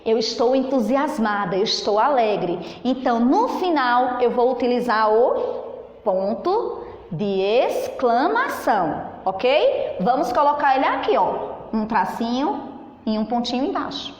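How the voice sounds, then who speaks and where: A Brazilian woman teaching a children's lesson on punctuation, speaking slowly and in a singsong way for young pupils. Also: on the high side, big pitch swings. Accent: Brazilian Portuguese. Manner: slow and singsong, stretching words for young pupils. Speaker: primary school teacher. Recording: echoey room with long reverb.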